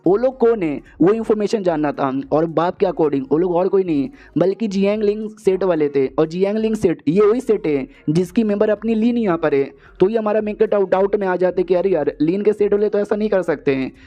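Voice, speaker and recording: High-voiced chatty man recapping a comic. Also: a little fast, hardly any pauses, highs cut off. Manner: slangy, chatty, repeats filler phrases, calls listener brother. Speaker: manhwa recap narrator. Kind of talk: casual storytelling recap.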